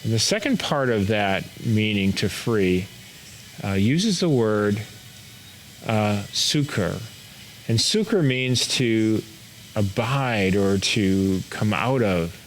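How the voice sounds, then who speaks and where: Low-voiced pastor teaching slowly. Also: male voice, lively intonation, slight background noise. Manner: slow, explanatory teaching with pauses. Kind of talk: sermon. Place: home or church, recorded for online service.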